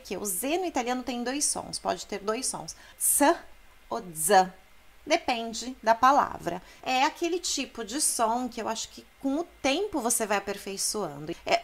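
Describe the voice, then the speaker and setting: Brazilian woman teaching italian, slow and patient, high-ish voice, says each sound out loud. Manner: explains slowly, models Italian sounds aloud. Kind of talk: language lesson.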